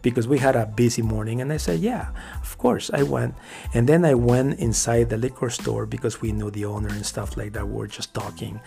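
A man's voice: mid-range voice, a little fast, gravelly, faint music behind. A man from Mexico, a podcast guest telling his faith story in casual, earnest talk and acting out what people said. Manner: earnest, animated storyteller who acts out quoted dialogue.

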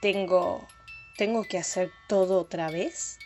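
A woman's voice: a little high, moderate pace, faint music behind, close to an everyday voice. A woman voicing a small, clumsy male elf helper who pleads and apologizes. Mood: pleading.

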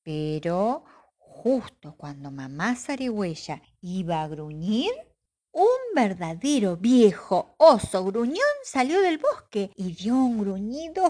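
Woman narrator for a children's storybook, slow, expressive, lively pitch. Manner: expressive, with sound effects. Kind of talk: children's storybook read-aloud.

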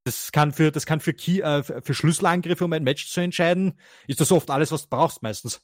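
A man's voice: fairly high pitch, fairly quick, no room sound, clean studio sound. A man chatting casually about a card game on a podcast, rambling with many restarts and fillers and laughing often. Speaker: co-host.

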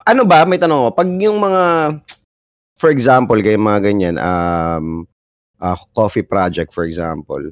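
Laid-back low-voiced Filipino man. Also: animated, moderate pace, dry recording, clean studio sound. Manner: laid-back, joking, swearing banter. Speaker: podcast co-host. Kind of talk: casual chat.

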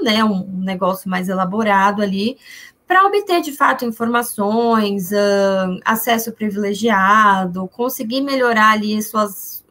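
A woman with a Brazilian accent speaking as a guest expert, explaining things informally and in simple terms. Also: fairly high pitch.

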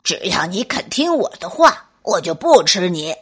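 A woman voicing a menacing big grey male wolf in a storybook tale, speaking gruffly and with threat. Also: fairly low pitch, big pitch swings, normal speed, voice pushed down, full character voice.

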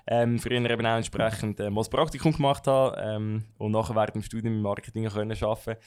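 A young man with a Swiss German accent hosting a podcast. His voice sits a little low and he talks fast, in a casual, meandering conversational way. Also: level tone, a little mellow, clear, resonant tone. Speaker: podcast host. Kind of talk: casual interview chat.

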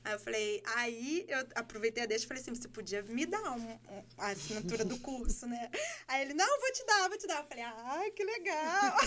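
A Brazilian woman telling a story in casual podcast chat, animated and laughing as she acts out dialogue. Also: fairly high pitch, moderate pace, a crowd in the background. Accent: Brazilian Portuguese. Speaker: guest.

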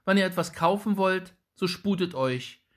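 A man's voice: high voice, moderate pace, voice pushed up, close to an everyday voice. A man voicing a shoemaker's wife at a market stall who speaks curtly and impatiently. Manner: impatient, curt.

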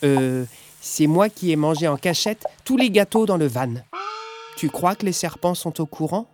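A man's voice: fairly high pitch, expressive, moderate pace, darkish tone, faint music behind, voice pushed up, lightly acted. Man doing a cheeky little boy. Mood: innocent. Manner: cheeky, innocent.

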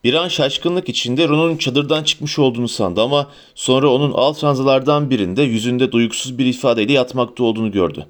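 A man narrating an audiobook in a steady, even storytelling manner. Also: medium pitch, brisk, few pauses.

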